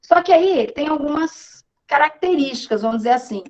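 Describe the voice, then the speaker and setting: A woman's voice: sits high, expressive, normal speed, a little mellow, lo-fi sound. A woman teacher giving a casual online class over a video call, chatty and often checking in with her students.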